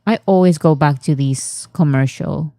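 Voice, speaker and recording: Low-voiced woman reacting casually. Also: moderate pace, mellow, no echo. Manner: chatty, thinks aloud, reads chat comments and answers them. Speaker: reaction channel host.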